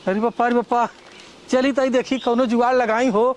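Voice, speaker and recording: A very high-voiced man playing a village town drunk with an Awadhi accent, whining and pleading for another drink. He is a wheedling husband in a broad rural comedy, recorded with faint noise behind him. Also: steady tone, brisk.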